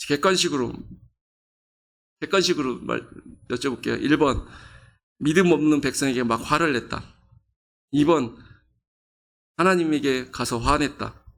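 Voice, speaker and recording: A man's voice: medium pitch, normal speed, pauses often, a bit bright. A male pastor giving a conversational sermon, quizzing the congregation and acting out quoted voices with rising emphasis. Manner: conversational preaching with quiz questions to the congregation.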